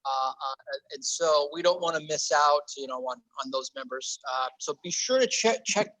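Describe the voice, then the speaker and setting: A man with a fairly high voice gives membership notes at a club meeting. He halts often and uses lots of fillers, and the sound is dry and close. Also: a bit bright, no echo, rough recording. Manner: halting, many fillers. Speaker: membership officer.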